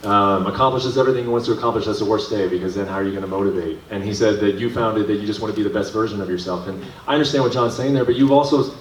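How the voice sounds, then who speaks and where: A male reporter putting questions at a press conference, building them haltingly piece by piece. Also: fairly low pitch. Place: large indoor press conference room. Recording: distant, echoey room with faint noise.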